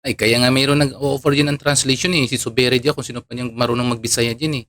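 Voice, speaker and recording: A man's voice: mid-range voice, level tone, quick pace, a bit bright, no room sound. A man from Palawan giving casual spoken commentary to his viewers, chatty and often chuckling, with many fillers. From Palawan, Philippines. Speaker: online commentator.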